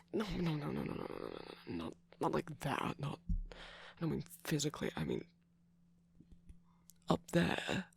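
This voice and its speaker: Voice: mid-range voice, creaky, a bit bright, slightly rough, heavily acted. A performer voicing a teasing, manipulative male cookie trickster in a whispered ASMR roleplay, with a mocking, prodding manner.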